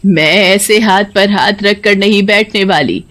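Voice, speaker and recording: A woman voicing a stubborn old grandmother in a cartoon, low and insistent. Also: unhurried, a bit bright, lightly acted.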